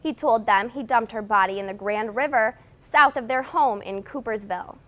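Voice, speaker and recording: A woman's voice: on the high side, moderate pace, fairly bright tone. An American woman reading scripted television news as the anchor.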